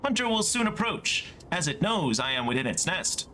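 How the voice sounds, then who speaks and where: A man putting on a soft gentle ship-mind voice. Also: on the high side, sing-song, a little hiss or hum, voice pushed up. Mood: solemn. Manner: soft, slow, gentle delivery. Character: gentle ancient male ship-mind navigator.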